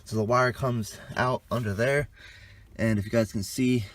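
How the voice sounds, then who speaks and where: Speaking at a moderate pace in a medium-pitched, fairly even voice, a young man vlogs a hands-on car radio installation. He's outdoors around a parked car, keeping things casual and rambling, with a bit of mild swearing.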